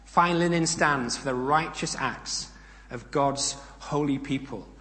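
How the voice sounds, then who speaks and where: A man giving a sermon, reading scripture aloud with rising emphasis and explaining it in calmer asides. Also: medium pitch, slow. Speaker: preacher. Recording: long hall reverb.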